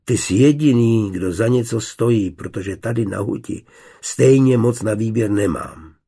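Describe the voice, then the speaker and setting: A man's voice: lowish voice, warm tone, breathy edge. A man voicing a forward young woman who speaks eagerly and pleadingly, in a storybook reading.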